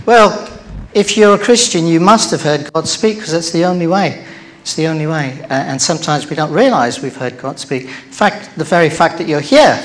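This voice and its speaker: A man preaching in church, his voice sitting a little higher than most men's. He talks to the congregation in a loose, chatty way, with plenty of ums and direct questions. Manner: conversational, with many fillers and questions to the congregation. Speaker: pastor. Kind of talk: sermon.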